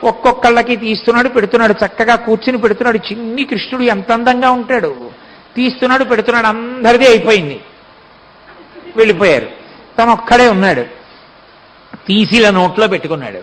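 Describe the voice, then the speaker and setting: A man giving a devotional discourse, telling a story with lively delivery and acting out the characters. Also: extremely high pitch, a little fast, long pauses, low-quality recording. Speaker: spiritual discourse speaker.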